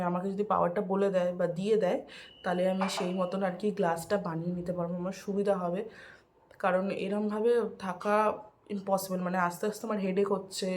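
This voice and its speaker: A woman vlogger chatting casually to her viewers, mixing English words into her Bengali. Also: mid-range voice. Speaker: family vlogger. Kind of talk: casual vlog chat to viewers.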